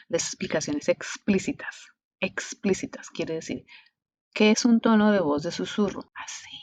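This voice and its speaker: Latin American woman teacher, low voice, patient restarts, dull lo-fi recording. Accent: Latin American Spanish. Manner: unhurried, with frequent restarts. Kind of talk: explanatory teaching talk.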